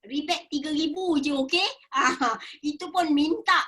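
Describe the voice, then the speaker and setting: Middle-aged Malaysian-accented woman, bright high voice, animated storyteller in a coaching session. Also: unhurried. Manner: lively storyteller, acts out quoted voices. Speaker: network marketing speaker. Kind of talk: casual coaching talk.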